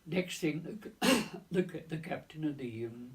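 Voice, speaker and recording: A man in his nineties, a navy veteran recounting his wartime service in an oral-history reminiscence, halting and full of restarts and repeated words. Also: on the high side. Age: 90s. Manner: leans on stock phrases like "of course" and "lo and behold". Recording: voice distant from the mic.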